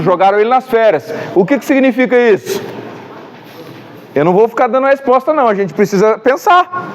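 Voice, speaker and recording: A man with a Brazilian Portuguese accent teaching a church Bible class, telling stories animatedly and acting out the dialogue. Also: high-pitched. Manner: animated storyteller, acts out dialogue.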